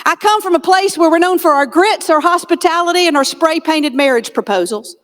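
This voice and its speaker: A very high, fairly bright voice belongs to this Southern-accented woman from Georgia, a motivational keynote speaker and comedian addressing a conference hall through a stage mic. Long reverb fills the large room as she tells dramatic, funny stories, pausing, slipping in comic asides, and whispering her key lines.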